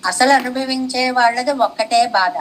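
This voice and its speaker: A woman's voice: fairly high pitch, moderate pace, a crowd in the background, rough recording. A woman giving a devotional discourse on scripture commentary, reciting classical verses and then explaining them with rhetorical questions. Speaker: religious teacher.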